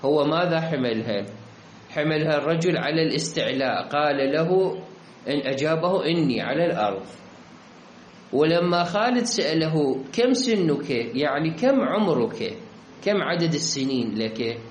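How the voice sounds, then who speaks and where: A man's voice: fairly high pitch, lively intonation, moderate pace. A man teaching a lesson. He explains each example by going back over the question and the answer. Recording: echoey room with faint ambient hum.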